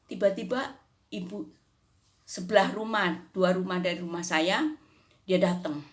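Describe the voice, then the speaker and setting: A woman's voice: on the low side, a little slow. Older woman telling a faith story. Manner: conversational, frequent "gitu ya" tags, acts out dialogue. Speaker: churchgoer giving testimony. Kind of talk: personal faith testimony.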